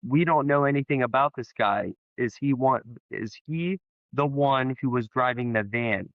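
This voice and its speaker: A man's voice: mid-range voice, moderate pace, no room sound, muffled recording, lightly acted. A man voicing a defensive male bank robber during a hostage standoff, read in a plain voice. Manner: blurting, defensive.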